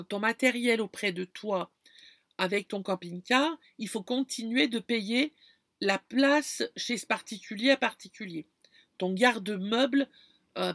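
A French woman vlogging from a campground talks casually and directly to her viewers, explaining things in a chatty way full of fillers and restarts. Her voice is medium-pitched, creaky and a bit bright. The clean studio sound has no room sound.

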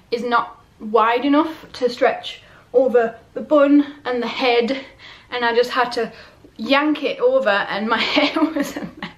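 A middle-aged woman chatting casually and rambling a little, asking herself questions, as in a clothing haul vlog. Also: sits high. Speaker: vlogger. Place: small bedroom, indoors. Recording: roomy bedroom echo.

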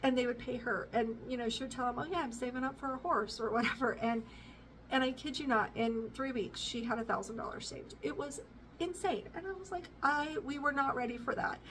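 A chatty woman in her forties talks casually to a camera set back in her living room, rambling along with fillers and little laughs. Her voice sits fairly high, and it sounds a bit distant, with faint room noise behind it. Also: a little fast, fairly bright tone. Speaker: homestead vlogger. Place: living room with bookshelves, indoors.

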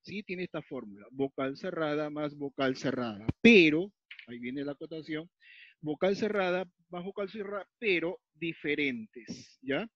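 A man's voice: fairly high pitch, expressive, moderate pace, no echo. A man from Peru teaching a grammar lesson, explaining step by step, repeating key points and often asking if the class follows. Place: at a whiteboard or tablet, writing as he talks. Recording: dull lo-fi dry recording.

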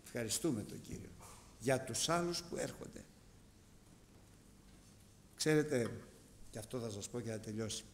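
A middle-aged man preaching a sermon with passion, rising to shouts and dropping to quiet asides. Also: mid-range voice, lively intonation, pauses often, slight background noise. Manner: impassioned, swings between shouting and quiet asides. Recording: long hall reverb.

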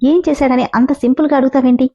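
Fiery young wife read by a woman, blunt and fed up, high mellow voice. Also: fairly even intonation, rapid-fire, dull audio. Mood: indignant. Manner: blunt, exasperated. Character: hot-tempered young wife, indignant and blunt.

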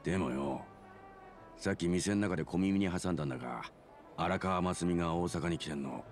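An actor playing an easygoing middle-aged sidekick in a video game, with a rough, frank, chiding manner. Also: male voice, low-pitched, normal speed, faint music behind, natural voice. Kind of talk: video game drama acting.

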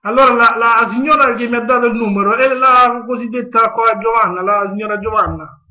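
A man in his twenties with a southern Italian accent pleads insistently and hesitantly on a prank call. His voice is very high and forceful, picked up by a webcam in an echoey room. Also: steady tone, a little fast. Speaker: prank caller. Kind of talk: improvised phone prank chat. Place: small home kitchen, indoors. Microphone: webcam at arm's length.

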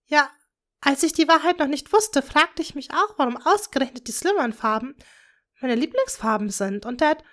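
A young, earnest witch speaks eagerly to her family, voiced by a woman reading aloud. The voice is a little brighter and higher than the narration, sincere and devoted. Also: expressive, normal speed.

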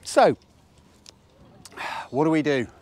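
A British man in his fifties with a squeaky voice from a cold, chatting casually and jokily as he teaches outdoors, often asking rhetorical questions. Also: lively intonation, slow pace, a little mellow. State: has a cold. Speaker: photography instructor and presenter. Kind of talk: casual instructional talk to camera. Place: outdoors at a waterside harbour slipway.

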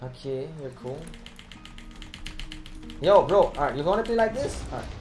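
A woman streaming a game, commenting live with loud excited bursts, frequent laughter and profane slangy chatter. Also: low-pitched, normal speed, over music. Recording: roomy echo with faint keyboard typing.

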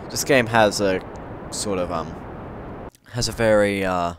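Low-voiced man rambling over gameplay. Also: a little slow, noisy background. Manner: loose and rambling, many fillers and restarts. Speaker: gameplay commentator. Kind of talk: casual gameplay commentary. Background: loud background music.

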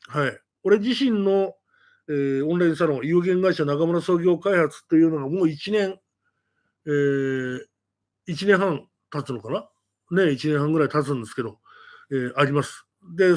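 A man who tells ghost stories, making an announcement to his audience in a lively monologue full of rhetorical questions. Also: sits high.

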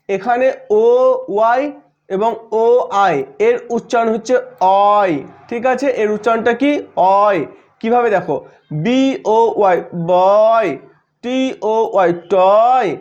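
A man with a strikingly high voice teaches a phonics lesson. He spells out letters and says each example word slowly, checking in with "okay?" as he goes. The recording sounds dull and lo-fi. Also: darkish tone. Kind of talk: spoken English phonics lesson. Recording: dull lo-fi audio.

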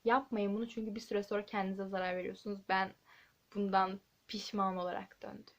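A teenage girl vlogging to camera, telling chatty, animated stories with quick asides. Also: mid-range voice, highs cut off. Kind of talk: casual chat to camera. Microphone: handheld camera.

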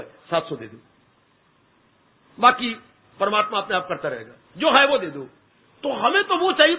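High-voiced preacher on a tinny line. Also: male voice. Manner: animated, acts out dialogue in stories, addresses listeners as son and daughter. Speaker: spiritual teacher giving satsang. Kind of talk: devotional sermon with storytelling. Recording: tinny phone-like sound.

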